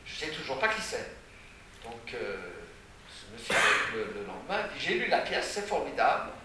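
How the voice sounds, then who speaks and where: A man telling a theatre anecdote, halting with many repeated words and fillers. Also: medium pitch, sing-song. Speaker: theatre director. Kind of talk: storytelling anecdote. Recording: echoey distant room with noise.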